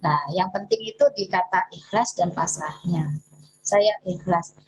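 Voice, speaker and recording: A woman therapist talking casually and explaining self-healing techniques step by step as she demonstrates them, with lively rises in pitch and a friendly, chatty manner. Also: normal speed, noisy background. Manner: warm, chatty teaching with hands-on demonstration; lively pitch swings and occasional laughs.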